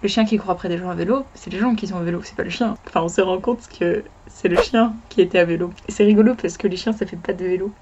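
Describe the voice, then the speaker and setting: A woman's voice: on the low side, quick pace, hardly any pauses, darkish tone, lo-fi sound, slight background noise. A woman telling a pun and earnestly over-explaining it. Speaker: guest comedian. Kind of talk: deadpan joke explaining.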